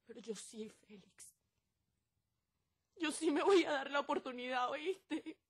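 In a telenovela, an actress plays a hurt woman who is crying and vows to change her life, sounding vehement, distressed and tearful. Her voice sits high, expressive and a little slow.

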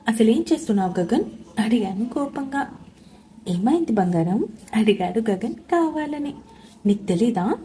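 Mellow expressive woman storyteller. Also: medium pitch, a little hiss or hum. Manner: lively, expressive reading. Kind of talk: first-person romance story narration.

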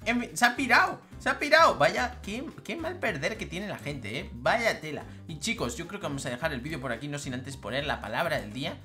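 A woman's voice: deep voice, sing-song, fairly quick, few pauses, fairly bright tone, soft background music. A woman doing teasing, exclamation-filled gameplay commentary for her video channel. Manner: teasing, exclaiming, laughing at opponents. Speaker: gaming YouTuber.

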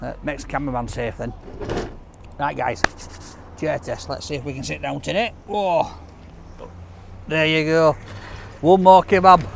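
A man with a Yorkshire accent, chatting and joking cheerfully while reviewing food on a city street. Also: fairly high pitch. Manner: chatty, jokey, cheerful banter. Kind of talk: casual vlog chat. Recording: street noise behind. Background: traffic and scaffolding work.

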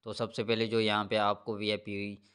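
A man narrates a screen recording as a channel host. His voice sits low and clean and stays flat and even, with little rise or fall. He gives steady step-by-step instructions close to the mic and keeps coming back to the same filler phrases. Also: normal speed, clean tone. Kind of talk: screen-recorded app walkthrough.

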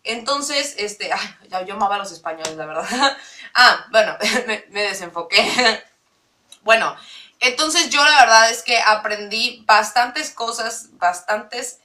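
A young vlogger from Mexico City chats casually to camera in her small bedroom, rambling and giggling between fillers, with a mixed Latin American Spanish accent built on a Mexico City base. Her slightly high voice is animated, pushed and bright at a measured pace, recorded from a distance.

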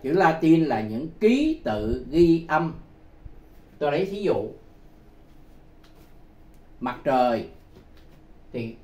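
A man teaching a lesson in a deliberate, explanatory way, repeating key words and pausing on hesitant fillers. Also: medium pitch, a little mellow, echoey room.

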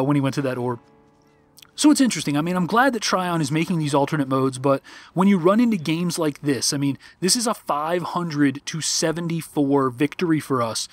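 A man hosting a casual game commentary show, musing aloud with rhetorical questions and many fillers, his voice close to going hoarse on a backup mic. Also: a little high, no room sound. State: nearly hoarse. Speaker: show host.

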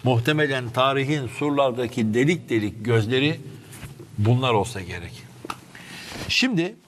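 A man's voice: mid-range voice, animated, moderate pace, a bit bright, a little hiss or hum. A man hosting a history vlog on location underground, narrating dramatically and speaking straight to his viewers and crew, his voice echoing in the chamber. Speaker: history vlog host and guide. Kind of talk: spoken on-location tour narration. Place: underground stone passages beneath old city.

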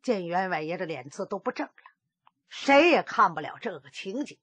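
A woman's voice: lowish voice, big pitch swings, normal speed, a bit bright, breathy edge, no room sound. A woman storyteller performing a traditional pingshu tale with dramatic exclamations and vocal sound effects.

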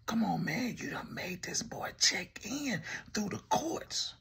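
Man host, mocking commentary to camera, gravelly husky voice, unhurried delivery. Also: sits high, animated, a bit bright, whispered. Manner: teasing, laughs often, addresses the subject directly.

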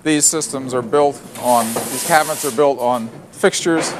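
Unhurried and medium-pitched, a male tour guide walks visitors across a loud factory floor, explaining every step in plain terms, often using fillers and restarting. Factory noise runs behind his voice.

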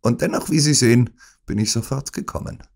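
A man voicing a sneering villain who loudly taunts and mocks a bedridden rival. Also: medium pitch, a little fast, gravelly, pitched above the performer's own voice. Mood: gloating. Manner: loud, taunting, mocking. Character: sneering, mocking male villain gloating at a rival. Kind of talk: audiobook acting.

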